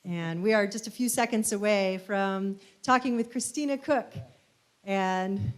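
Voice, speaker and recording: A woman's voice: mid-range voice, unhurried. A woman presenting an event with informal live commentary.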